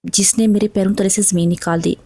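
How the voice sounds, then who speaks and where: A woman's voice: medium pitch, fairly even intonation, mellow, slightly rough, no room sound. A woman telling an emotional first-person story in a dramatic, sorrowful way. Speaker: narrator.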